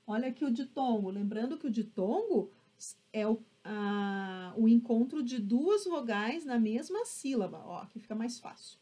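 Upbeat Brazilian woman teacher, husky voice, lively melody, online lesson. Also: a little high, moderate pace, hardly any pauses. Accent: Brazilian Portuguese. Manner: upbeat, checks in with students often.

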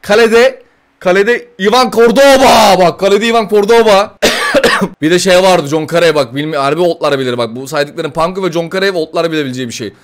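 A young man streaming a football video game, commenting excitedly, joking, swearing and cheering his team. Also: sits high, fairly quick. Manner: shouts and cheers at goals, swears, jokes. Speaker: gaming streamer.

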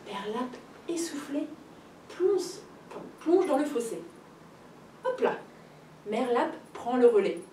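Female library storyteller, expressive and playful, slow unhurried pace, roomy recording with faint ambience. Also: high voice, distant mic, slight background noise. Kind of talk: reading a picture book aloud to children.

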